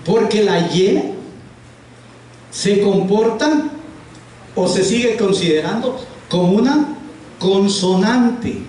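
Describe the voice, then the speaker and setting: A man's voice: high voice, lively intonation, takes it slowly, pauses often, darkish tone. A man teaching a classroom grammar lesson, patiently asking the class questions and repeating their answers. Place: classroom in a house of prayer. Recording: very echoey room, voice from a distance, faint hiss.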